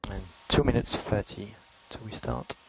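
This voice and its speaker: A man's voice: fairly low pitch, big pitch swings, normal speed, low-quality recording. A man working as a race engineer, giving short, precise spotter-style calls and countdowns over team radio. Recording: team radio with crowd-like background noise.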